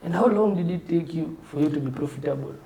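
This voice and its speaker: Kenyan male guest, slightly higher voice, mellow and relaxed, roomy sound. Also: fast talker, gravelly. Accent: Kenyan English. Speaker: podcast guest. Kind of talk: casual round-table chat.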